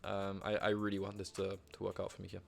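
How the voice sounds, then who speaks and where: Gravelly-voiced young man streaming a game. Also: low-pitched, quick pace. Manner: excitable, swearing, talks to himself. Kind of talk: live gameplay commentary.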